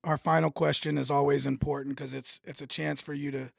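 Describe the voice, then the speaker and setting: A man's voice: fairly high pitch, little pitch movement, fairly quick, vocal fry, dry recording, studio quality. A man in his thirties co-hosting a podcast, asking questions and affirming with "absolutely". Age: 30s. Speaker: podcast co-host. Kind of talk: interview hosting.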